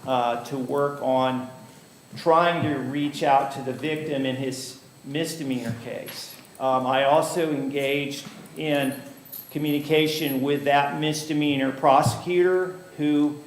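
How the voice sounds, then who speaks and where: Man, defense lawyer, formal courtroom argument, halting with fillers, courtroom recording, echoing room. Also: mid-range voice, slight background noise. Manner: formal, with frequent fillers and restarts. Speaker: defense attorney.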